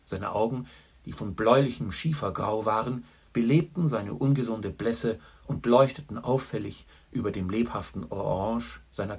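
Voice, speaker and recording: A man reading an audiobook in a calm, even narration. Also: medium pitch, breathy edge.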